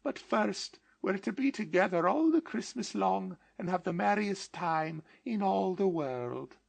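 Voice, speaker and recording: A small, gleeful girl , as a man puts her on, gushes in a breathless sing-song. The voice jumps far above the reader's own pitch and swoops about, with a gravelly trace still under it. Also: lively intonation, unhurried, no echo, exaggerated voice. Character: little girl, gleeful and eager.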